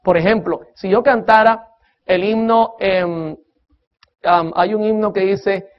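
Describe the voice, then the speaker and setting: A man's voice: high voice, fairly even intonation, takes it slowly. A man preaching a sermon-style lecture on music, emphatic, asking his listeners questions and counting beats aloud. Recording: dull lo-fi recording.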